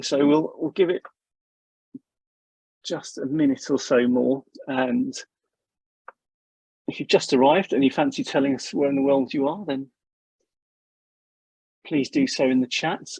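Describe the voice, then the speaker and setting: Creaky-voiced man hosting a webinar. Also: medium pitch, darkish tone, no echo, rough recording. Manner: chatty, welcoming, joking with guests. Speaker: webinar host. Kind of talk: casual webinar welcome chat.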